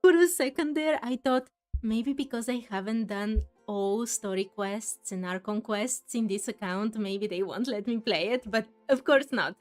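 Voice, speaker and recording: On the high side and measured in pace, this woman's voice carries casual play-through commentary. She's a gaming streamer, chatty and musing aloud, over faint game music.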